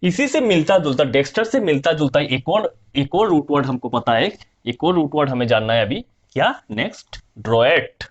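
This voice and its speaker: A man teaching a vocabulary lesson, repeating and spelling out words slowly and answering his own questions. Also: on the high side, dull audio. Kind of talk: Hindi vocabulary lesson, explaining word roots.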